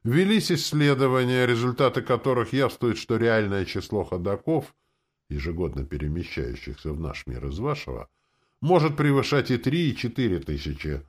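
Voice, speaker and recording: A man's voice: medium pitch, lively intonation, normal speed, pitched above the performer's own voice, natural voice. A man voicing an elderly, plump, good-natured official who speaks formally and courteously with a hint of amusement.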